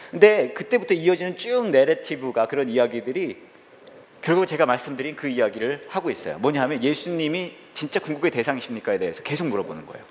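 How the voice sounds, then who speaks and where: A middle-aged man, a senior pastor, preaching a humorous sermon and acting out little scenes in squealing high voices. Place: church sanctuary. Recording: reverberant church hall.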